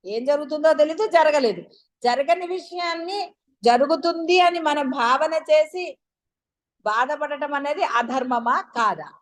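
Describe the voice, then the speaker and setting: A woman with a high voice leads a spiritual discourse. She keeps posing rhetorical questions and talks straight to her listeners. Her manner stays chatty and coaxing. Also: animated, measured pace. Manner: addresses listeners directly. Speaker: spiritual teacher.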